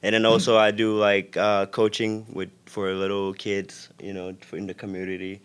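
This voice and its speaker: A young man from Senegal with a Senegalese accent, a guest in a casual interview, talking in a relaxed, reflective way with many fillers. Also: lowish voice, moderate pace, clear, resonant tone. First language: Wolof. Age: young adult.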